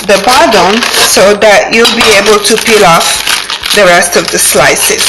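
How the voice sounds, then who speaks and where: A woman with an Italian accent calmly walking through a recipe step by step in her home kitchen. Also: a little high, very noisy. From Italy. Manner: calm, step-by-step explaining with fillers. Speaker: home cook. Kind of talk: cooking demonstration. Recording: echoey kitchen with clattering dishes.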